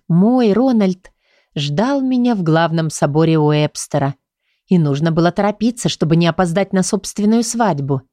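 A woman narrates an audiobook in a steady storytelling manner. Her voice sits on the low side, and the recording is close and dry. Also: no room sound.

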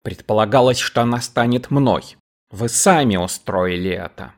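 A man's voice: fairly low pitch, normal speed, close to an everyday voice. A man doing a cool, defiant young woman. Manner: cool, mocking.

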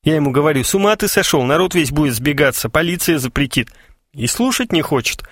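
A man's voice: fairly high pitch, animated, fast, no room sound, studio quality, pitched above the performer's own voice. A man voicing a cheerful, ironic young man who teases his friends, with a wry, mocking delivery. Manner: wry, teasing. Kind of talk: audiobook character voice.

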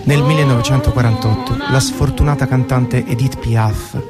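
A male radio presenter reads a scripted narration for a guided music programme, using dramatic, literary storytelling phrasing. His mid-range voice has fairly even intonation and a normal speed, with prominent music playing underneath.

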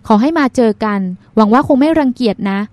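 A woman voicing a calm older sister, a doctor, who questions and lectures in a dry, probing way. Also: high-pitched, quick pace, no room sound, natural voice. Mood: wry.

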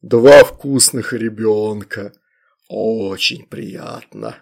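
A man's voice: on the low side, extremely slow, creaky, darkish tone, pitched below the performer's own voice, exaggerated voice. A man voicing an arrogant, irritable male demon lord in the body of an infant, snapping with indignant menace in a storybook reading.

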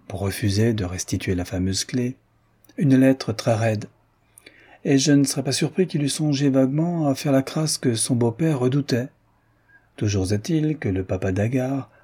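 A man's voice: mid-range voice, dark tone, husky. A man reading the part of a jovial aristocratic Parisian count who banters and tells gossip.

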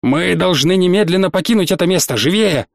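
A man's voice: high voice, lively intonation, brisk, gravelly. A man doing a barking alarmed guard. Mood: urgent. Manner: barking, urgent.

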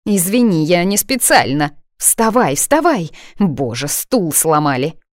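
A woman's voice: on the low side, big pitch swings, no echo, clean studio sound. A woman reading an audiobook voices an anxious young female friend who talks in an agitated, pleading way. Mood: panicked. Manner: agitated, pleading, quick to panic.

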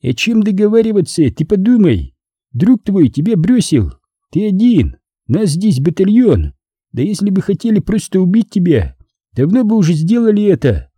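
A brash enemy commander , put on by a male narrator, yells his demands in a raised, lively voice full of swagger. The sound stays dark and husky underneath, recorded close and dry with no room around it. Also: moderate pace, no echo, exaggerated voice. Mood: persuading. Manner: shouting, raised pitch. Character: cheerful cocky male enemy commander, bossy.

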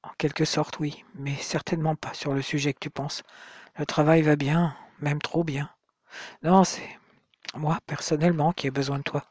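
Narrator doing an exhausted grieving man in his forties, soft, hesitant, subdued, dry close sound. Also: medium pitch, level tone, moderate pace, no room sound, natural voice.

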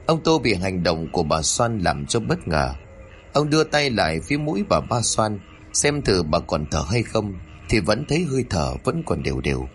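Low-voiced male horror storyteller. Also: big pitch swings, moderate pace, slight background noise. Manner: dramatic, suspenseful reading.

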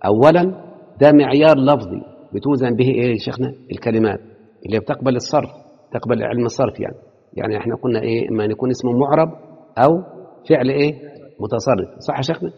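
Fast-talking Egyptian teacher, husky voice. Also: male voice, medium pitch. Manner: quizzes students with rhetorical questions; mixes formal Arabic with colloquial asides. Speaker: teacher of Arabic morphology. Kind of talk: classroom lecture explaining a text. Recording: dull, echoey hall.

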